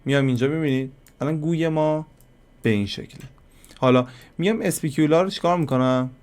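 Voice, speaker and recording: A man giving a casual screen-recorded software lesson, talking to viewers like friends and thinking aloud as he clicks through settings. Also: on the high side, clear, resonant tone. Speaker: software tutorial instructor.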